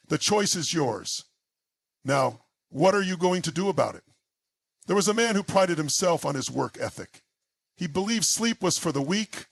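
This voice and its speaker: A man's voice: high-pitched, creaky, no room sound. A man giving an intense motivational speech in short, emphatic, punchy phrases. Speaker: motivational speaker.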